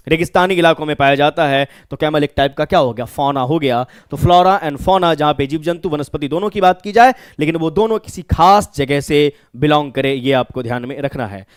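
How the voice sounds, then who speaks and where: A man's voice: fairly high pitch, smooth, no room sound, studio quality. A man with a Bihari accent teaching an exam-prep vocabulary lesson. He explains step by step, asking questions and answering them himself.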